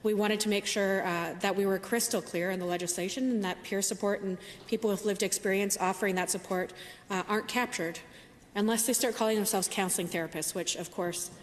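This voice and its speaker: A woman's voice: mid-range voice, steady tone, brisk. A woman government minister giving an earnest floor speech in a legislative chamber, with frequent filler sounds. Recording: long hall reverb with faint noise.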